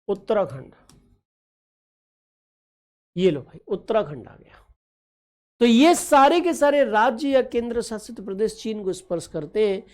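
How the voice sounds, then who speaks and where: Female exam-prep teacher, slightly high voice, affectionate and repetitive, quizzes her class over a map. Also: a little mellow. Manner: affectionate, addresses students as children; repeats and quizzes, frequent "okay ji" check-ins. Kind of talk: online geography lesson over a map.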